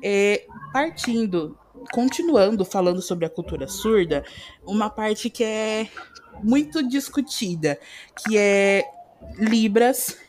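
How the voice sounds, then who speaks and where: A woman with a Brazilian Portuguese accent hosting a podcast, explaining in a casual, animated way and often correcting herself mid-sentence. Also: medium pitch, takes it slowly. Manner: animated, self-correcting, acts out quotes. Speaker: podcast host.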